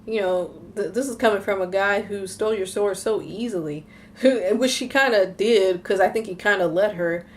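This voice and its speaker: A woman's voice: mid-range voice, normal speed. A young adult woman giving a casual, rambling episode review, full of fillers and restarts. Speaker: anime reviewer.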